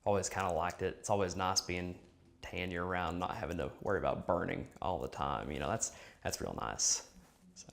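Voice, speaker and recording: A man's voice: sits low, moderate pace, creaky, fairly bright tone. A young man talking casually in an interview, hesitant, with many fillers.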